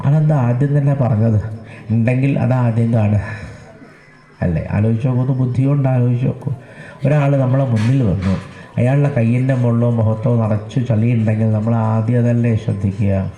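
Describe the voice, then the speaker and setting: A man giving a devotional discourse at a temple. He asks his listeners questions and answers them himself, chants verses slowly and repeats words for emphasis. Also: medium pitch, dark tone, dull audio. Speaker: religious discourse speaker. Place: temple gathering. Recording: echoey temple hall.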